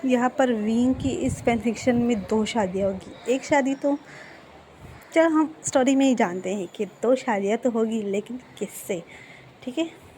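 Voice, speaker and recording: A woman's voice: a little high, a little slow, dark tone, a little hiss or hum. A woman retelling a fan story in a casual, chatty way, with many fillers and self-corrections.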